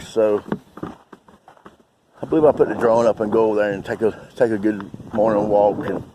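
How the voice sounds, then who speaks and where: A man vlogging outdoors by a lake, chatting and talking excitedly to his drone. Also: fairly low pitch. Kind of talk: casual outdoor vlog. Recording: outdoor wind noise on mic.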